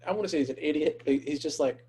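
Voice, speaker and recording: Easygoing man with a mellow voice. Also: on the high side, quick pace, slight background noise, rough recording. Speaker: podcast co-host. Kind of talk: casual sports chat.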